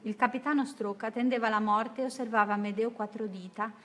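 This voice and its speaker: A woman narrating a first-person adventure story in a steady, measured reading voice. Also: fairly high pitch, slight background noise. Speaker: audiobook narrator.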